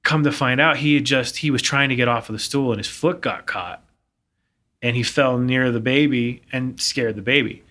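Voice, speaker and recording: A man's voice: medium pitch, normal speed, pushed and bright. A man in his thirties co-hosting a podcast, telling a personal story earnestly in casual conversation. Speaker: podcast co-host. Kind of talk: casual chat.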